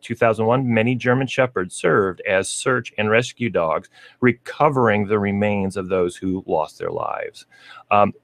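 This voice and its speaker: Male radio host, low voice, dry studio sound, chatty and laughing. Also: a bit bright, dry recording. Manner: chatty, laughs often, reads aloud with asides. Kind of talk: casual radio talk show, reading breed facts.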